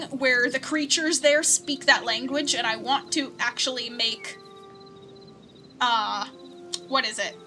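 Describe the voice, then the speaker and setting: A woman's voice: high voice, sharp tone. A young woman streamer chatting casually as she plays a game, reading chat and giggling often. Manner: chatty and giggly, coos at pets. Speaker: gaming streamer.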